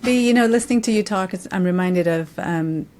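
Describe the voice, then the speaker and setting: A woman hosts a podcast conversation, her voice sitting on the lower side. She talks in an affirming, reflective way, picking up on her guest's points. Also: a little fast, darkish tone, a little hiss or hum. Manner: affirming, thoughtful, with frequent backchannels. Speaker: podcast host. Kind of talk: casual interview conversation.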